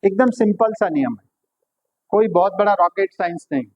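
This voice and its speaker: A man teaching English grammar in a classroom, explaining patiently and quizzing his pupils, calling them "beta" and checking if it's clear. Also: high voice, expressive, normal speed, dull audio, a little hiss or hum.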